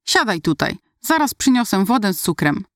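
A woman's voice: mid-range voice, sing-song, normal speed, dry recording, studio quality, close to an everyday voice. A woman voicing a stern, impatient female hospital nurse who scolds children, in an audiobook reading. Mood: brusque. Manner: scolding, brusque.

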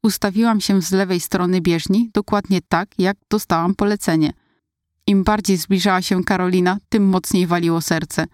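A woman narrating a first-person story in a steady, inward-looking retelling. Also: on the low side, normal speed, no echo, studio quality.

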